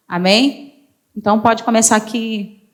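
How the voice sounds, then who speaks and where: A woman's voice: fairly high pitch, fairly even intonation, measured pace. A woman hosting a church gathering, chatting to the congregation with frequent tag questions. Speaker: church host. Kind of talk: church talk.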